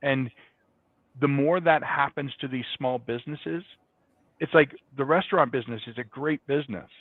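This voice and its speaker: As a guest in a business interview, a man answers in a conversational, explanatory way with a medium-pitched voice at a moderate pace. The sound is dull, band-limited and dry, with no room ambience.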